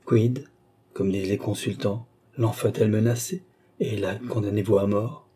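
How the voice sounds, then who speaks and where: A man voicing a gracious young princess who speaks kindly but with gentle command. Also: lowish voice, steady tone, normal speed, husky. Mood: gracious, lively.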